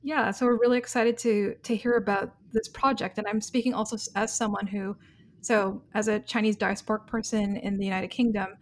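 A woman's voice: mid-range voice, fairly even intonation, fairly quick, a little hiss or hum. A woman hosting an interview in an enthusiastic, chatty way. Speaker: interview host. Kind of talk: casual interview conversation.

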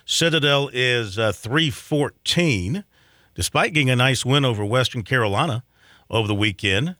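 A man hosting a sports talk radio show, reading off team rankings in a chatty way with many pauses and fillers. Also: medium pitch, expressive, sharp tone, dry recording, studio quality. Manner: chatty, reads off stats with many ums and uhs.

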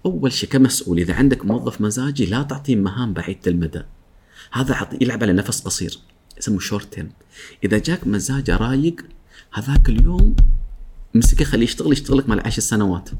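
Rapid-fire animated man with husky voice. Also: mid-range voice. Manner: lively, acts out coworkers' lines, laughs often. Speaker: guest speaker on workplace etiquette. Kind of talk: animated talk show chat.

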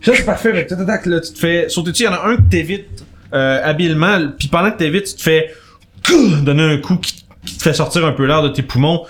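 A man's voice: a little high, fast, fairly bright tone. A man with a Québécois accent running a tabletop game, narrating with frequent laughs and restarts. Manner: chatty, laughs often, stumbles and restarts while narrating. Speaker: game master.

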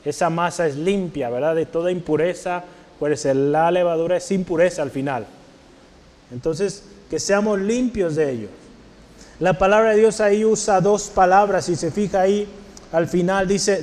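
A man's voice: high-pitched, a little mellow. A man preaching a Bible lesson, addressing his listeners politely and often checking that they follow while he writes words on a board. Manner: addresses listeners formally, writing terms on a board as he teaches; asks frequent checking questions. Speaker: preacher teaching a Bible class. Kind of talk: sermon.

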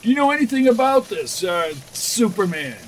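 A man playing a gruff, excitable, commanding newspaper editor in a 1940s radio serial. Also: sits high, normal speed. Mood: brisk. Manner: brusque, commanding. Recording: noisy vintage 1940s radio recording.

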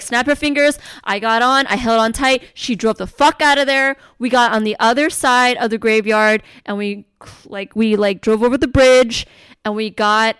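A woman telling a story in casual chat, animated and full of "like", with casual swearing. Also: fairly high pitch, clean tone, no room sound.

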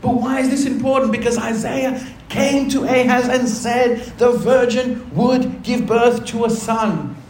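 A high-voiced male pastor delivers a sermon in an echoey church room over a faint hum of ambience, his tone steady and somewhat dark. He puts rhetorical questions to the congregation, shifting between brisk asides and slow, lowered phrases for emphasis.

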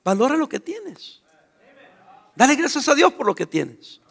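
A man preaching a lively sermon as pastor, talking straight to his congregation. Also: extremely high pitch, unhurried, vocal fry.

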